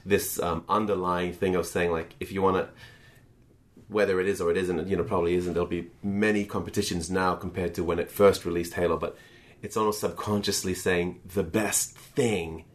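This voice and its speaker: Easygoing low-voiced man. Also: steady tone, moderate pace. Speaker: podcast co-host. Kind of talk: casual gaming podcast chat.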